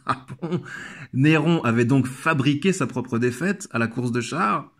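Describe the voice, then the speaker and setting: A man talks through a comic book analysis as if chatting with a friend, addressing the viewer directly. His voice sits at an ordinary middle pitch, and he lingers over the passages he enjoys. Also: expressive, moderate pace. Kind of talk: video analysis commentary.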